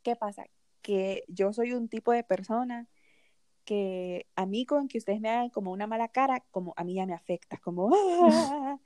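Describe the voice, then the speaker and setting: A young woman hosting a podcast, casually telling a personal story in an animated way, often laughing along. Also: mid-range voice, normal speed, no echo. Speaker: podcast host.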